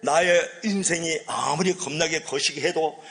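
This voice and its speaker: A pastor doing a lively Jeolla dialect speaker. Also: male voice, on the high side. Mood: emphatic. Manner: emphatic, drawn-out and lively. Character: cheerful Jeolla dialect speaker reciting a psalm.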